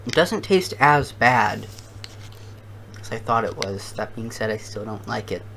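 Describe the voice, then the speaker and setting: Slow, halting challenge video host. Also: medium pitch, expressive, gravelly, fairly bright tone, a little hiss or hum. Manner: halting, thinking aloud. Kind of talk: casual commentary to viewers.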